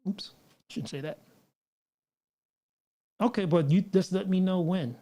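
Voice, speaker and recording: An American livestream host with a high, dark-toned voice rambles unhurriedly through a casual stream, restarting often and tossing asides to viewers. He's on a mixer setup that adds line noise.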